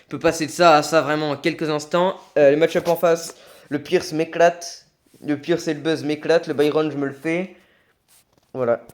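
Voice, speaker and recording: A man doing casual gameplay commentary as an excitable, raging gamer who swears. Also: fairly high pitch, normal speed. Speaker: gaming video creator.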